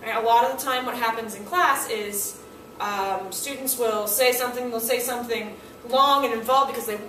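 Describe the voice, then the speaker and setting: A woman with a fairly high voice speaks at normal speed, animatedly demonstrating classroom signals by acting out teacher and student lines. The mic sits far off in an echoey room, with a faint hiss or hum.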